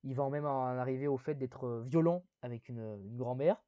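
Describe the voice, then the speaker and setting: A man's voice: mid-range voice, brisk, mellow, no room sound. Rambling man with a dull lo-fi sound. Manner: rambling, many fillers, self-deprecating asides. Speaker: video reviewer. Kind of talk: casual spoken video review.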